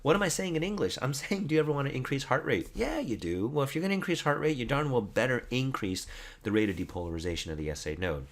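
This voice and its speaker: A man teaching anatomy and physiology over slides in a casual, lively lecture, quizzing listeners with true-or-false questions and correcting himself as he goes. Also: mid-range voice, fast talker.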